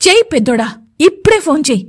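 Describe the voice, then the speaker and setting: A woman's voice: high-pitched, big pitch swings, quick pace. A woman voicing a stubborn, agitated young woman who taunts and complains in a raised voice. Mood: resentful.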